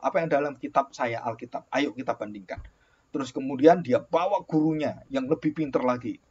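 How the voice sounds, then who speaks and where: A man's voice: mid-range voice, a little mellow, husky. A male pastor telling a story in a sermon, acting out the dialogue with bursts of exclamation. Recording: dull lo-fi recording.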